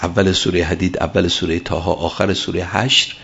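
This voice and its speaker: Man preaching a storytelling sermon; deep, gravelly delivery, emphatic and repetitive. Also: flat delivery, fairly bright tone, dull audio. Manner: emphatic, repeats key phrases.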